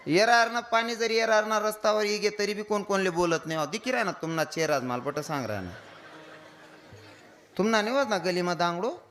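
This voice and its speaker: A man's voice: high voice, a little fast, a bit bright. A man giving a comic devotional sermon on stage, telling stories and mimicking wailing women. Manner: storytelling with mimicked wailing voices. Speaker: kirtan preacher.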